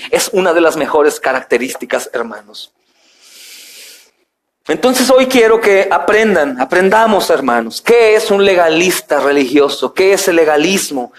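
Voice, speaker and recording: A middle-aged pastor delivers a sermon, his phrases rising and falling with emphasis as he turns again and again to the congregation. His voice sits a little high for a man. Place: church sanctuary.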